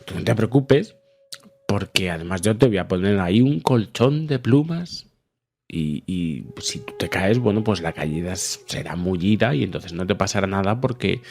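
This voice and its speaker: A man plays God in a spoken joke: a patient, fatherly deity with a low, unhurried voice. The reassurance comes out slow and gentle. It is everyday storytelling rather than a full character voice. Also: expressive. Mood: soothing. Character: calm fatherly God soothing a climber.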